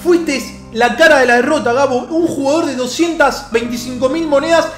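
A man's voice: very high-pitched, moderate pace, echoey room, soft background music. A young man with an Argentine accent commentating his own video game match, exasperated and repeating his complaints. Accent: Argentine Spanish. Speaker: gaming youtuber.

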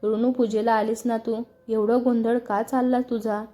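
A polite young wife from a storybook who tries to settle a fight, as a woman narrator reads her. She speaks in a gentle, mellow, soothing way. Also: a little high, level tone, a little slow, close to an everyday voice. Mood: calming.

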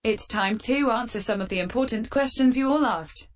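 A woman hosting a fan Q&A with sarcastic, deadpan answers, her voice run through a metallic filter. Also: on the high side, normal speed. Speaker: channel host answering fan questions. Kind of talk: scripted comedic Q&A.

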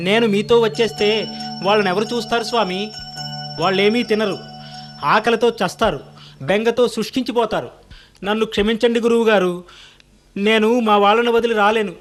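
A man's voice: high-pitched, lightly acted. An actor playing a devoted family man who pleads earnestly with his guru, over music. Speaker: disciple.

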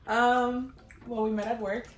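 A woman chatting casually as a guest in an eating video, soft-spoken and giggly. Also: on the high side, little pitch movement, unhurried. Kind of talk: casual chat. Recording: roomy echo with faint music.

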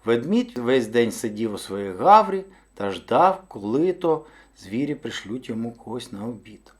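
A man narrating a folk tale for children, reading in an expressive, dramatic way. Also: mid-range voice, moderate pace. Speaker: storyteller.

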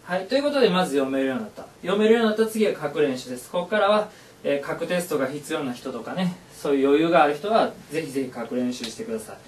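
A man's voice: fairly high pitch, expressive, racing, distant mic, a little hiss or hum. Upbeat man teaching in an echoey room. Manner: upbeat, encouraging, repeats phrases aloud. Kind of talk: classroom lesson.

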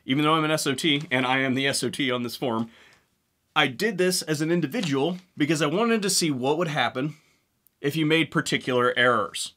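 A man in his thirties who hosts a gun channel talks casually to camera with a wry, joking manner and works in a sponsor read. His voice is on the high side, a little fast, pushed and bright, and he's in an indoor room with guns hanging on the wall behind him.

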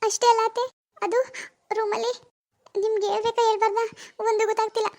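A woman's voice: very high voice, little pitch movement, fast talker, darkish tone, faint music behind. A woman acting as a young wife who suspects her husband, wondering aloud in an anxious, questioning way. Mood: hesitant. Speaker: actor in a family web drama. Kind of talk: amateur family drama acting.

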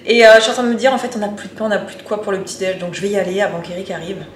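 A woman in her forties vlogs casually to a camera held at arm's length, chatty, a bit exasperated and self-mocking, both inside her apartment and out on the street. She talks at a racing pace, medium in pitch with fairly even intonation. The room echoes, and there's faint background noise.

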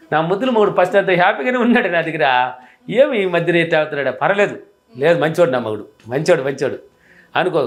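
Man, relationship coach, rapid emphatic delivery, slightly high voice, repeats his points. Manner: emphatic and repetitive, acting out little dialogues. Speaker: motivational speaker and relationship coach. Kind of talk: motivational advice talk.

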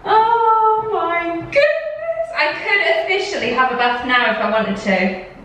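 A woman in her twenties giving a chatty, excitable house-tour vlog of her renovated bathroom, filmed on a handheld camera. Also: very high-pitched, slow pace, a little hiss or hum. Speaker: vlogger. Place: empty bathroom under renovation, indoors. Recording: echoey bare room.

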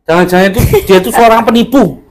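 A man's voice: sits high, fast. A man acting an angry father in a village drama, scolding and indignant. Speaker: village head candidate, father.

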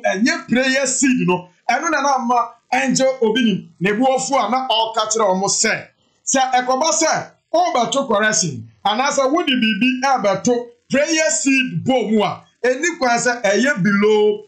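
High-voiced guy in his thirties, animated commentary straight to camera. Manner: animated, emphatic, gesturing. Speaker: online show host. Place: indoor room before a backdrop image.

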